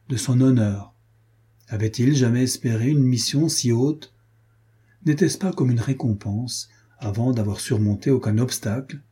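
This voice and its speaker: Husky male audiobook narrator, measured, very dark tone. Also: mid-range voice. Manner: measured, storytelling.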